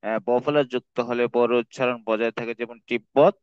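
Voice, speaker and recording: Man tutoring, repeating words slowly. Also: medium pitch, steady tone, darkish tone, clear, resonant tone, dry recording, highs cut off. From Bangladesh. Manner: reads rules then repeats example words slowly. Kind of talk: classroom grammar lesson.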